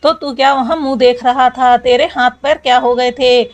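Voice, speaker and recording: A woman's voice: high-pitched, steady tone, moderate pace, lo-fi sound, natural voice. A woman voicing a carefree young man who teases his friends in an amused, offhand way. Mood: teasing.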